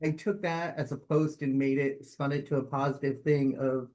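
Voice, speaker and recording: A man's voice: mid-range voice, moderate pace. A man, a real estate agent, chiming in casually during a training session, rambling with lots of "like" and "you know". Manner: relaxed, rambling, filler-heavy.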